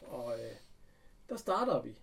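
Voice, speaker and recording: A man chatting casually, retelling an episode with animated bits of acted dialogue. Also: mid-range voice, gravelly, slightly rough. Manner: animated retelling, acting out characters' lines. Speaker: recapping a TV episode. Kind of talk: casual chat.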